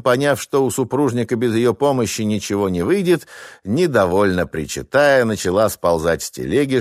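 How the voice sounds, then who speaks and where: A man narrating an audiobook chapter with an expressive reading. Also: fairly low pitch, no echo, studio quality.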